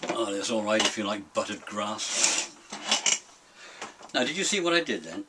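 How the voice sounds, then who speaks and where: A man's voice: fairly low pitch, animated, moderate pace. An older British man delivering a grumpy, blunt comic rant, grumbling his opinions with emphatic, theatrical delivery. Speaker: solo monologue presenter. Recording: distant mic, faint noise.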